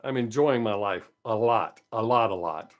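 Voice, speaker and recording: A man's voice: lowish voice, normal speed. Upbeat almost-sixty man chatting live. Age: 50s. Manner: upbeat, chatty, answers viewers by name. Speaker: livestream host. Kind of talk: casual chat with live viewers.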